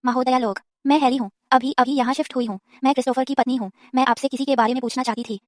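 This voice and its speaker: A woman's voice: high-pitched, steady tone, very fast, no room sound, clean studio sound, lightly acted. A woman voicing a resentful, scheming young wife who envies her sister in a dubbed drama. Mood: complaining.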